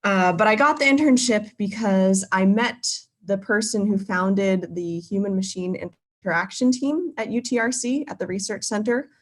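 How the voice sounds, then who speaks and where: A young woman in her twenties from Boston, Massachusetts, gives a casual online talk about her career as a guest speaker to a live virtual audience over a video call. She is friendly, self-correcting, full of ums, uhs and restarts, and speaks with a mid-range voice at a normal speed.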